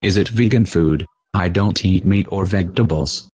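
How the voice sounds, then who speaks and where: A man on a prank call, his voice pushed very low by a disguise effect. He talks flatly and briefly, in a dry and close sound. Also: moderate pace, slightly rough, no echo. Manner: deadpan, terse answers and absurd questions. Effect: disguised deepened anonymous voice. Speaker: prank caller.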